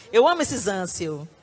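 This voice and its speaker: A middle-aged woman with a Brazilian Portuguese accent, preaching to a conference audience with emphatic, animated delivery and sudden loud bursts. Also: medium pitch, breathy edge. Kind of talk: sermon. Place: conference hall before a live audience.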